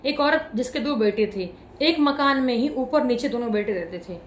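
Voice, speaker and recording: A woman telling a moral family story to her viewers in a chatty, homely way, acting out the family's lines in quick back-and-forth dialogue. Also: fairly high pitch, lively intonation, echoey room, a little hiss or hum. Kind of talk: casual spoken storytelling.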